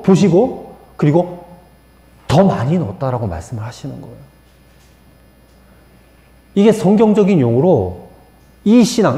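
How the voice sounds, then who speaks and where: A man preaching a sermon as pastor, moving between quiet explanation and emphatic, rising appeals to the congregation. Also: fairly high pitch. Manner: animated preaching, shifting from soft to emphatic. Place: church sanctuary. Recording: echoey church hall.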